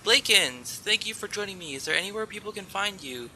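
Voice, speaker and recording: A man's voice: sits high, lively intonation, fairly quick, bright, forceful tone, a little hiss or hum. A young man hosting a casual gaming podcast, upbeat and chatty. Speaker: podcast host.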